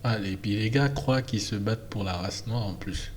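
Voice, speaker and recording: Man from french guiana, low voice, emphatic casual monologue, faint background noise. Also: normal speed. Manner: animated, emphatic, with many fillers and restarts. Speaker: vlogger.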